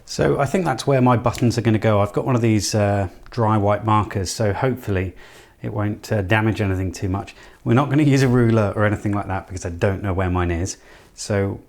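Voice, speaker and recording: Brisk and gravelly yet a little mellow, a lowish male voice belongs to the host of an electronics project channel. He casually narrates a hands-on build, musing aloud tentatively and self-deprecatingly.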